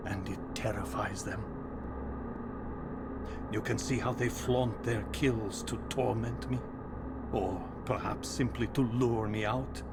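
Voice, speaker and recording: Game role: ancient gentle vampire, world-weary and formal, very unhurried delivery, roomy reverberant sound. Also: male voice, fairly low pitch, fairly even intonation, heavy background noise. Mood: solemn foreboding. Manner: weary, solemn, measured formal speech. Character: ancient male vampire, last of his race, weary, gentle immortal. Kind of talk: dramatic video game voice acting. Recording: echoey, loud music behind.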